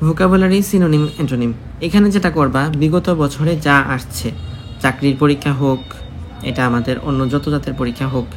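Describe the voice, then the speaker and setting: Male exam tutor, quick and a bit high-voiced, chatty lesson, faint hiss behind. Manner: chatty, repeats key points, addresses student directly. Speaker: exam prep teacher. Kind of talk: casual spoken lesson.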